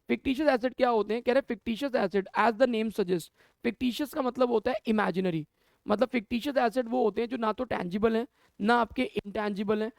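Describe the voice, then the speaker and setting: A man's voice: very high-pitched, vocal fry, darkish tone, dry recording. A man teaching an accounting class, talking to students, asking questions and answering them himself, mixing Hindi with English terms. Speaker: commerce teacher. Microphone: camera mic.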